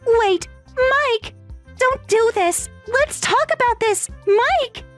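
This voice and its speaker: A woman voicing a panicked, entitled young wife in a dramatized text story, pleading and shrill. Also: expressive, measured pace, soft background music.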